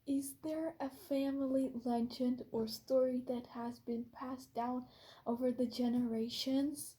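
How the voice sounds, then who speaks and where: A woman reads out interview questions in a slow, hesitant way. Her voice is high but very dark and mellow in tone. She speaks with an unhurried, careful pace. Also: fairly even intonation. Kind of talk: casual family-history interview.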